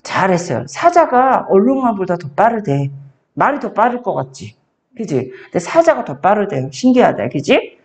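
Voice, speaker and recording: A woman tutoring a child one-on-one, coaxing the child along and reading sentences out slowly before explaining them. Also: mid-range voice, sing-song, a little mellow.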